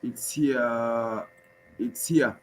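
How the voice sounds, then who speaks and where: A man's voice: medium pitch, steady tone, drawn-out words, a little hiss or hum. A man from Tanzania, a guest on a casual live-stream chat, explaining step by step while showing his screen on a video call.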